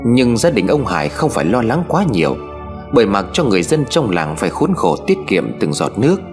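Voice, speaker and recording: A man narrating a story in a measured, dramatic way. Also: fairly low pitch. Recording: faint background music. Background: faint music.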